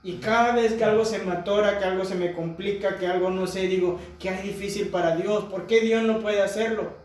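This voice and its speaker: Preacher guy, high voice, booming echo, heard from across the church. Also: steady tone, brisk, a little hiss or hum. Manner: rhetorical questions to the congregation. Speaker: pastor. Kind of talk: sermon. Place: church hall. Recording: echoey church hall from far off.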